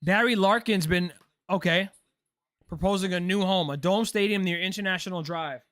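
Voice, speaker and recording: This late-twenties livestream host has a high voice and a moderate pace. He keeps it relaxed and chatty, answering viewers and saying "bro" while reacting to a ball game.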